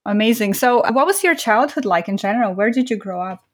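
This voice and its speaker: Woman, interview host, eager, enthusiastic, slightly higher voice. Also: expressive, a little fast, dry recording, clean studio sound. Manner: eager and enthusiastic when relating to the guest. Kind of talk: casual interview chat.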